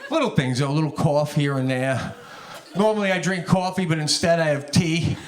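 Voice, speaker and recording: A man's voice: fairly high pitch, a little fast. Thick Long Island accent, male stand-up comic. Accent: thick New York, Long Island. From Long Island, New York. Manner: conversational, acts out dialogue. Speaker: stand-up comedian. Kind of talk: stand-up storytelling. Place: live comedy venue with audience.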